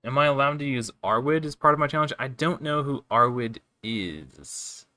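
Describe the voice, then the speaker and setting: A game streamer chats casually over his live gameplay, rambling and often restarting or correcting himself. His medium-pitched voice is expressive and sharp in tone, moving at a moderate pace with no room sound.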